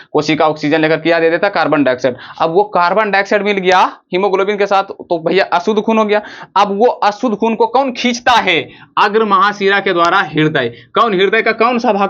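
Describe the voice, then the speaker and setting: A man's voice: sits high, fairly bright tone, lo-fi sound. A man teaching a school biology lesson, drawing as he explains. He asks the class questions and answers them himself, repeating the key words. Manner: drawing on a board while explaining. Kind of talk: classroom lesson on heart and blood flow.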